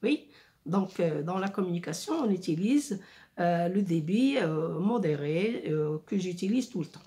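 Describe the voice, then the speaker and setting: A woman teacher explaining a lesson slowly, repeating and rephrasing her points with frequent hesitations. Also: on the low side, animated, mellow. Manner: slow, deliberate, repeats and rephrases with many fillers. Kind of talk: slow explanatory French lesson.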